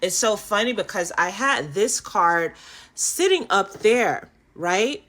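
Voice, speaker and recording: A woman doing a spiritual card reading for her viewers, affirming and animated, often checking in with "okay?" and yawning now and then. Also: medium pitch, slow. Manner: animated, affirming, frequent "okay?" tag questions. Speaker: tarot and oracle card reader.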